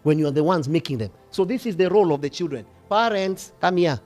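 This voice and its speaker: A middle-aged bishop with a Kenyan accent, preaching passionately, swinging from hushed asides to loud rebukes. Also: male voice, fairly high pitch, lively intonation, fast talker, faint music behind. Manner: passionate, switching between whispers and shouting. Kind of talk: fiery sermon.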